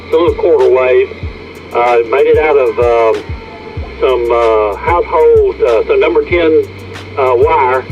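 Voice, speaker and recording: A man, a ham radio operator heard over a handheld radio link, talking haltingly with many fillers and restarts. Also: medium pitch, a little mellow. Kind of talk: radio contact chat. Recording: muffled radio reception.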